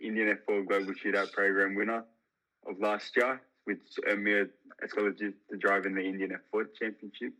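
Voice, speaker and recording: Deep-voiced teen guy. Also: little pitch movement, sharp tone, poor audio. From Melbourne, Australia. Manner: measured, filler-heavy. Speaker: racing driver, podcast guest.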